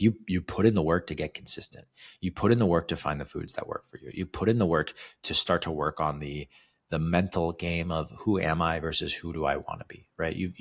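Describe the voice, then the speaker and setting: A fitness coach from California delivers a solo motivational podcast monologue in a low, slightly rough voice. He talks conversationally and casually, ending many of his phrases with a questioning "right?".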